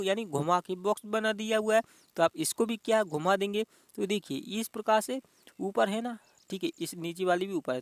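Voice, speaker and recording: A man's voice: high-pitched, no echo. A man teaching an exam-prep reasoning lesson. He talks in a repetitive, coaxing way and keeps addressing the viewers as dear friends.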